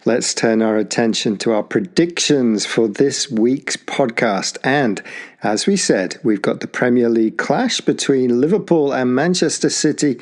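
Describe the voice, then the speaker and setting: A man co-hosting a football podcast, talking in a chatty, upbeat way. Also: medium pitch. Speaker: podcast co-host. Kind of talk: casual football podcast chat.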